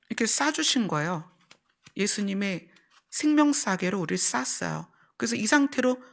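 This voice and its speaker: Preaching with a medium-pitched voice marked by vocal fry, a woman pastor teaches her congregation step by step. She repeats important phrases, poses questions to listeners, and weaves illustrations into the sermon.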